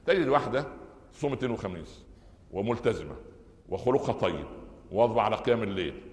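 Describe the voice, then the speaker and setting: Egyptian guy giving a friday sermon, lowish voice, big echoey mosque hall. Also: fast. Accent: Egyptian Arabic. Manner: animated storytelling, stressing key phrases, frequent restarts. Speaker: preacher. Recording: echoey hall with long reverb.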